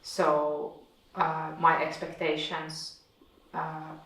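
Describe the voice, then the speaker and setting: A woman reflects on her work, her voice low and her pace unhurried. She stops often to find her words. The mic sits far off in a room that rings with echo. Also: completely flat delivery, a bit bright. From Finland. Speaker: visiting artist. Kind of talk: reflective conversation. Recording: echoey room, distant mic.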